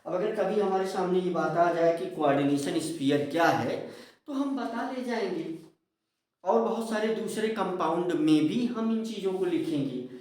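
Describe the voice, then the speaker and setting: A male chemistry teacher lectures his class slowly and repetitively, repeating key terms, asking questions and answering them himself. He often adds a quick "है ना?" and addresses the students as children. His voice is high, animated and darkish, recorded from a distance in an echoey room.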